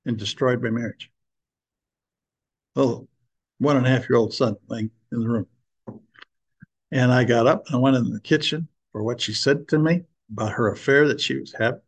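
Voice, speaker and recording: A man's voice: mid-range voice, husky. An older man speaking earnestly and with emphasis, preaching and sharing a personal testimony with his listeners.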